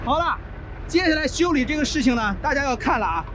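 Over slight background noise, a very high, a bit bright voice talks fast and animatedly: a middle-aged trucker vlogger from China explaining a truck repair step by step. He's blunt, swears freely, and keeps it casual, captured by a body-worn action camera in an outdoor truck yard.

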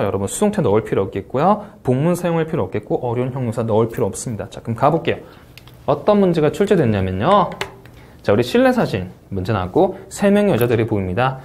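Energetic Korean man teaching test tips. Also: medium pitch. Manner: energetic, repeats key points, says "자" often. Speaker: English speaking test instructor. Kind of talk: exam review lecture.

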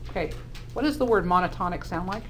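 A woman's voice: on the low side, quick pace. A woman teaching a math class. She lays out each idea step by step and keeps asking her students whether they follow. Faint room noise sits behind her voice. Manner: explains step by step, checks in with "okay?". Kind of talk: classroom lecture.

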